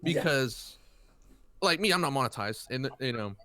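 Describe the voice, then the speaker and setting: A man's voice: mid-range voice, expressive, normal speed, bright, forceful tone, no room sound. A man who is a guest on a casual podcast, talking in a rambling, self-deprecating way and giggling often. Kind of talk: casual chat.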